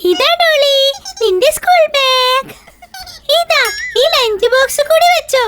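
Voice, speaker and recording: A very high, piping cartoon boy who bosses his doll about and scolds his friend. Heavy background noise sits under the voice. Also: lively intonation, takes it slowly, exaggerated voice. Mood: cheerful. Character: cheerful little boy Chitti caring for doll.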